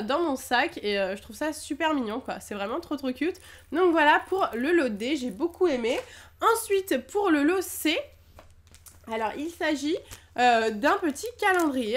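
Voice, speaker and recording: A young French woman chatting through an unboxing vlog, enthusiastic, with many fillers. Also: sits high. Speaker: YouTuber unboxing Pokémon lottery prizes.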